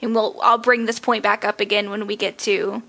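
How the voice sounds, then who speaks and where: A woman co-hosting a podcast, chatting casually about a TV show with quick asides and frequent laughs. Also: mid-range voice, little pitch movement, gravelly, sharp tone. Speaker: podcast co-host.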